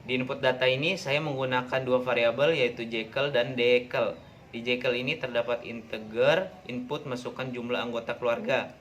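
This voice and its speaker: Young man giving a halting student presentation. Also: mid-range voice, fairly even intonation, a bit bright, a little hiss or hum. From Indonesia. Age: young adult. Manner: plain, halting explanation with self-corrections. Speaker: informatics student. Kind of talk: class project presentation.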